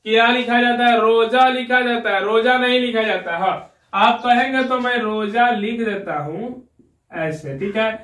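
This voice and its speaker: A man teaching an Urdu spelling lesson, patient and steady, checking again and again that the learner follows and quizzing them. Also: extremely high pitch, recorded from a distance. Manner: patient, keeps asking "ठीक है ना" and quizzing the learner. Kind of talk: slow spelling lesson at a whiteboard. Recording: roomy echo, voice a little off-mic.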